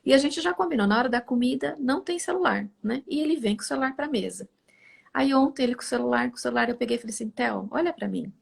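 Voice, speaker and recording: A woman's voice: high-pitched, rapid-fire, vocal fry, breathy edge. A middle-aged woman hosting a live talk, chatting casually and acting out family conversations with animation. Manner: animated, acts out family dialogue. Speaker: live host.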